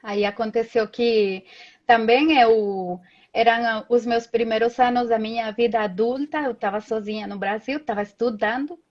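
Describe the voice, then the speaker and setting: A woman's voice: fairly high pitch, fairly even intonation, normal speed, a little mellow. Chatty woman on a lo-fi call. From Colombia. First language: Spanish. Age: 30s. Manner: chatty, storytelling with many tag questions. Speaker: guest. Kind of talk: casual chat in a live video call. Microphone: video call.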